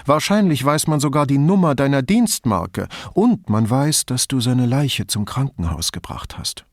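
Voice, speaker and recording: A man reading an audiobook voices a thoughtful, curious woman who asks probing questions and gently teases. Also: medium pitch, lively intonation, moderate pace, husky, no echo, studio quality. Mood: teasing. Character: thoughtful middle-aged woman, curious, wry.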